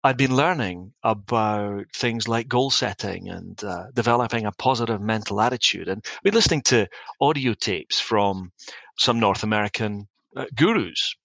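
A man's voice: on the low side, normal speed, vocal fry, fairly bright tone, dry recording, low-quality recording. A middle-aged man with a Scottish accent, a business founder telling his story in an interview in a wry, reflective, anecdotal way with frequent restarts. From Scotland.

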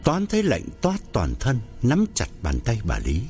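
A man narrating a ghost story in a slow, measured storytelling manner. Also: mid-range voice, huge pitch swings, darkish tone, faint music behind.

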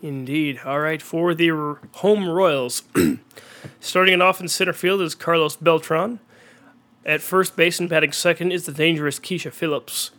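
A man's voice: a little high, unhurried. Congested young man calling a game. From Minnesota. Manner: excitable, chatty, clears throat often. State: congested from a cold. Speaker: host and play-by-play announcer. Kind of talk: amateur sports commentary on a video game.

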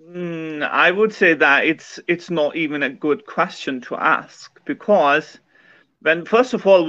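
A man's voice: fairly high pitch, pushed and bright, dry recording, highs cut off. A man from Kashmir with a Kashmiri accent, explaining ideas as a podcast guest. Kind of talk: explanatory interview talk.

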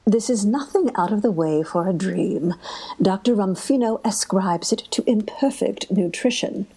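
Man putting on a prim dazed queen, husky, mellow, raised pitch. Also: a little slow, exaggerated voice, rough recording. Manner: prim, murmuring to herself. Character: dazed stubborn queen in denial.

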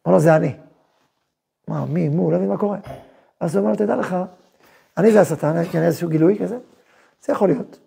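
Gravelly-voiced rabbi teaching a lesson. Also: male voice, high voice, pauses often, a little hiss or hum. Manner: acts out story voices, lively and emphatic. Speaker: yeshiva rabbi teaching a class. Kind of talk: animated Torah lesson with storytelling.

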